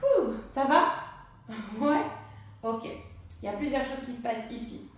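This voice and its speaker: Woman pilates instructor, high voice, talks through the moves and breaths while exercising, far from the mic in a very echoey room. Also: lively intonation, unhurried. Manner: cues breathing and counts reps while exercising along. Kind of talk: guided workout instruction.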